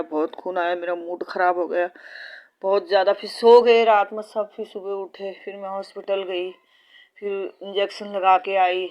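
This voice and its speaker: Woman, middle-aged, devotee testimony, pleading and distressed, repetitive, flat delivery, dull lo-fi recording. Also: medium pitch. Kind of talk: personal testimony at a satsang.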